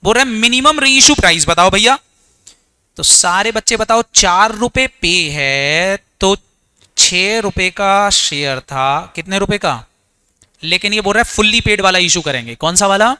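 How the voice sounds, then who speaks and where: Bright, crisp male teacher quizzing students. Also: lively intonation, normal speed. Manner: quizzes students, answers his own questions in a low voice; mixes English terms into Hindi. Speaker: accounts teacher. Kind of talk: exam revision lecture.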